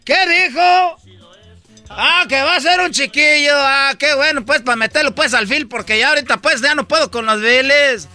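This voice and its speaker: A man's voice: extremely high pitch, moderate pace, few pauses, sharp tone, soft background music. A man doing a rambling comedy sketch, slangy and full of fillers.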